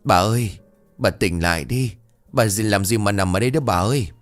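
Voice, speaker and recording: A man's voice: lowish voice, brisk, faint music behind, natural voice. A man doing an anxious old country husband. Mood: panicked. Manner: calls out loud, voice trembling. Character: anxious older rural husband.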